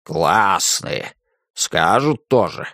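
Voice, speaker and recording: A man's voice: low voice, expressive, extremely slow, creaky, sharp tone, no echo, studio quality, pitched below the performer's own voice, heavily acted. A man voicing a fussy, bearded old male house spirit in an audiobook, grumpy and reproachful. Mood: grumbling. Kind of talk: audiobook character voice.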